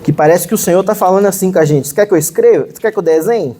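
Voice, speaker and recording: A Brazilian man with a Minas Gerais accent delivers a sermon to his congregation. His voice sits high but sounds dark and mellow. He talks earnestly and conversationally, often pausing to check in with listeners. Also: slight background noise. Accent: Brazilian Portuguese, Minas Gerais. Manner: earnest, conversational preaching with frequent "né?" and "Ó Senhor Jesus". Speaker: minister preaching. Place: church meeting hall.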